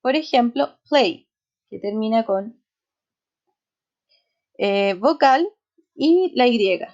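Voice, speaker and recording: A woman teacher walks through a grammar lesson at an unhurried pace, checking in with a quick question after each point. Her voice sits a little high. The recording sounds slightly dull and lo-fi. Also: darkish tone. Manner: explains step by step, often checks with "¿ya?". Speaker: English teacher.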